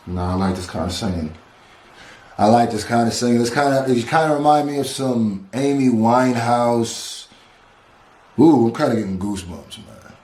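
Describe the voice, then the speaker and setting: A man's voice: mid-range voice, lively intonation, moderate pace, a little mellow. A man gushing with emotion as he reacts to a song. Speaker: music reaction YouTuber. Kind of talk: casual reaction commentary. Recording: echoey room.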